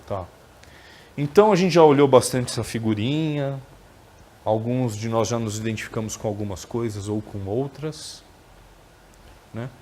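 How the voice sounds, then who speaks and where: A man lectures at a spiritist center in an easy, conversational way. His pitch sits in the middle, and he keeps checking in with the audience through short tag questions. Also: normal speed, long pauses, a little mellow, slight background noise. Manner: conversational, frequent tag questions, acts out quoted dialogue.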